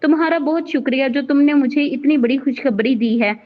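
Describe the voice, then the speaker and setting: A woman voicing a kind, joyful middle-aged father who speaks warmly and gently. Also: high voice, brisk, lightly acted. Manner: warm and gentle. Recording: dull lo-fi recording.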